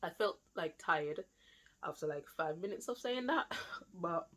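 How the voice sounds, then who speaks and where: A woman's voice: on the low side, lively intonation, measured pace, a bit bright. A young woman from London with a London accent, telling a personal story to camera in a chatty, rambling way full of fillers. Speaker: vlogger.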